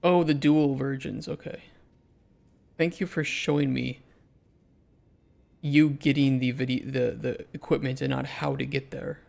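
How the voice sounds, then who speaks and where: A man with a raspy voice giving casual gameplay commentary and chatting with viewers as he searches, muttering and swearing now and then. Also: medium pitch, flat delivery, unhurried, long pauses, darkish tone. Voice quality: raspy, gravelly. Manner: mutters and swears while searching, rambling chat. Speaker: game streamer and indie developer.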